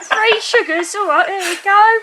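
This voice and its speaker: A high-voiced, tipsy mum played by a woman rambles through an improvised role-play. She is chatty and flustered, full of sighs and weary of her marriage. There is clear background noise with clicks. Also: moderate pace. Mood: fussing, hospitable. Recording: noisy room with clicks.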